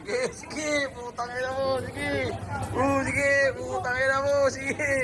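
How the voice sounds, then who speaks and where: A woman's voice: high voice, little pitch movement, measured pace. A woman with a Filipino accent talking urgently and bluntly, directing people during a commotion. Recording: very noisy outdoor crowd and traffic.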